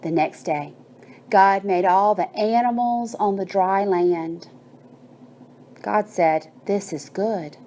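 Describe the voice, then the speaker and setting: A woman with a mellow, mid-range voice guides a meditation woven into a bedtime story, drawing out her words in a gentle, measured rhythm. Slight background noise can be heard.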